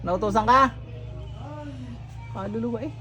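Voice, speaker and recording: A man's voice: sits high, a little slow, over music. A man, a faith healer leading a ritual, sternly taunting and interrogating spirits. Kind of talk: healing ritual, commanding spirits. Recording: noisy room recording.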